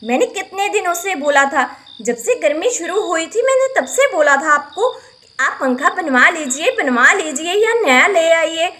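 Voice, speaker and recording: A woman's voice: very high voice, animated, normal speed, bright, forceful tone, exaggerated voice. A woman voicing a tired village wife and mother who complains and scolds, in a doll-play story. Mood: scolding. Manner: complaining, nagging.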